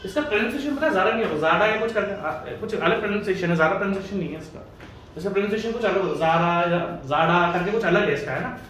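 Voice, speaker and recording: A man's voice: sits high, lively intonation, racing, a bit bright. A man teaching a casual exam-prep lecture, chatty, asking and answering his own questions. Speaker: engineering exam tutor. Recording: echoey room from far off, faint hiss.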